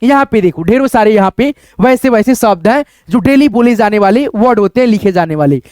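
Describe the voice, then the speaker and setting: A man's voice: high-pitched, lively intonation, fairly quick, darkish tone, dry recording, clean studio sound. A man teaching a spelling lesson to camera, spelling words out letter by letter and calling his viewers friends in almost every sentence. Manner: repeats "dosto" constantly, spells out words letter by letter. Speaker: English teacher.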